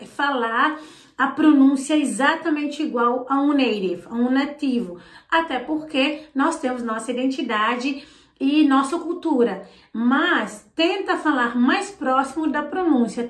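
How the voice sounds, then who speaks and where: Woman language teacher, patient repetition drills, recorded in an echoey room. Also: high voice. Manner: slow, drilled repetition of example phrases. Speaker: English teacher. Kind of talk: online language lesson.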